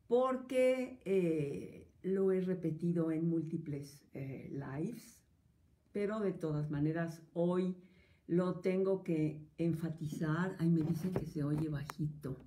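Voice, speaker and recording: A woman psychologist hosting a live-streamed talk, speaking slowly and emphatically and addressing her viewers directly. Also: fairly low pitch, mellow, no echo. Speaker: psychologist and host. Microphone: earphone headset. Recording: dull lo-fi stream audio.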